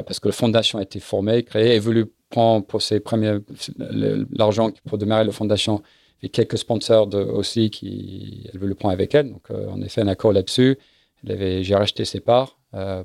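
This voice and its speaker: Middle-aged guy, low gravelly voice, stop-start casual interview talk, dry close sound. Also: darkish tone, dry recording. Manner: halting, searches for words, repeats himself often. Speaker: guest, sailing event business founder.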